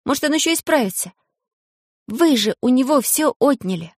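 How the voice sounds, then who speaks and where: Man doing an earnest young girl, high, pleading, storybook, dry sound. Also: expressive, moderate pace, no echo.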